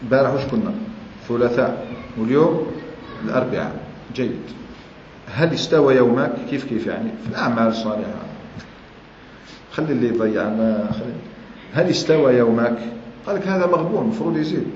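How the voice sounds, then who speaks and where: A man's voice: mid-range voice, a little fast, pauses often, a little mellow. A man with an Algerian Arabic accent preaching a sermon, who retells old sayings and then repeats and explains them in everyday dialect. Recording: echoey hall, muffled and lo-fi, faint hiss.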